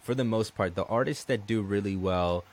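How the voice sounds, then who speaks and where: This podcast host, a Colombian man, speaks with a lowish voice at a moderate pace. His casual interview talk is conversational, marked by many restarts and plenty of "man."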